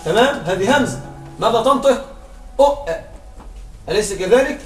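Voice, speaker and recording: Man, very high voice, grammar teacher drilling examples and quizzing the class, echoey room, faint music behind. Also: expressive, fairly quick, recorded from a distance. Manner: drills examples, constantly checks understanding with questions. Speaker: Arabic morphology teacher.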